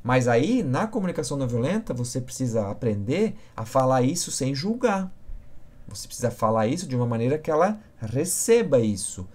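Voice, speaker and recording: A man's voice: mid-range voice, very animated, fairly quick, a little mellow. A man teaching on a live stream, answering viewers by name and checking in often with short questions. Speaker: communication instructor.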